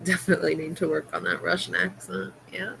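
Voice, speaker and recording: This is a female livestream host with a low pitch, big swings in intonation, vocal fry and a fairly bright tone, speaking fast. She rambles hesitantly, with plenty of fillers and thoughts that trail off, on a casual late-night stream from a home room glowing with fish tanks. The recording is low quality with slight background noise.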